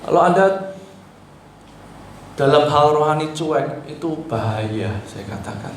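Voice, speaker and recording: A man's voice: on the high side, lively intonation, measured pace. Pastor, male, emphatic sermon delivery, faint hiss in the background. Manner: exhorting, pleading and emphatic, swinging between loud and soft. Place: church hall. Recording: echoey church hall with faint noise.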